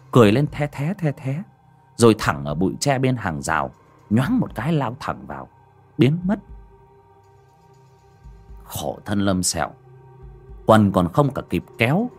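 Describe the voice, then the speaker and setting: A man narrating a horror story in a dramatic, animated manner. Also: on the low side, husky. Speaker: audiobook narrator.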